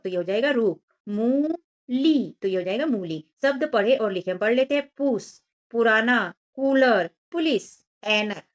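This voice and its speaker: A woman teaching young children, stretching out syllables slowly and explaining everything in simple words. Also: mid-range voice, highs cut off. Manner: slow, drawn-out syllable-by-syllable reading. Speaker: primary school teacher. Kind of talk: workbook lesson walkthrough for young children.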